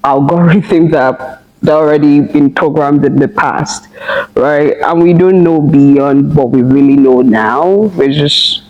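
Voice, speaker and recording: A young woman, a guest in a casual discussion, talking thoughtfully with pauses and fillers. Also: low voice, lo-fi sound. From Nigeria. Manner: thoughtful, hesitant, many fillers.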